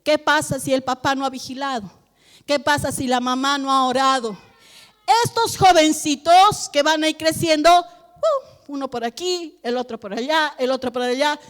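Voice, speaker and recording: A middle-aged woman pastor preaching a sermon in a church, animated and acting out family conversations. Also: high-pitched, normal speed, in a large hall. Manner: animated, acts out family dialogues.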